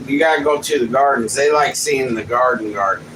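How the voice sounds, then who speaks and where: A man's voice: medium pitch, fairly quick, a bit bright. A middle-aged man, chatting in a folksy, easygoing way on a family livestream. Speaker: channel co-host, the family's dad. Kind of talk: casual family livestream chat. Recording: distant mic in a noisy room.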